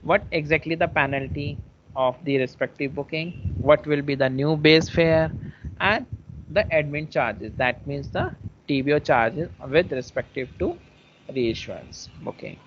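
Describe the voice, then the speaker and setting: A man leads an online product webinar, walking through each feature step by step and often rephrasing himself as he goes. His voice sits a little high for a man. The audio is somewhat dull and muffled, with a faint hiss underneath. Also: measured pace. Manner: explains step by step, often restating phrases. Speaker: webinar presenter.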